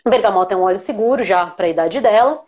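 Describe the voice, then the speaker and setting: A woman with a Brazilian Portuguese accent, an aromatherapist hosting a live chat, talking in an animated, emotional way. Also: medium pitch, fast talker, muffled recording. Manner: animated, emotional, laughs while telling. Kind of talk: casual live chat storytelling.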